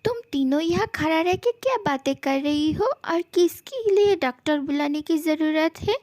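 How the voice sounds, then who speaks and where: A woman's voice: sits high, normal speed, a little mellow, dry recording. A woman reading a fan love story aloud, giving every character's lines in much the same voice.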